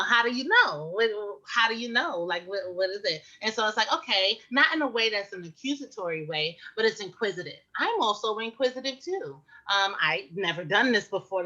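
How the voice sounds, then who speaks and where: A woman health educator giving frank, animated advice in casual conversation, with many fillers and rhetorical questions. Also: medium pitch. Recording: muffled lo-fi recording.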